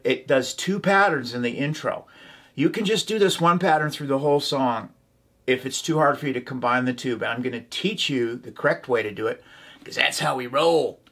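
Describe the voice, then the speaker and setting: A fairly high, slightly bright male voice guides listeners through a ukulele lesson. Over the sound of the instrument, he names chords, calls strums, and chants rhythm syllables in this instructional tutorial.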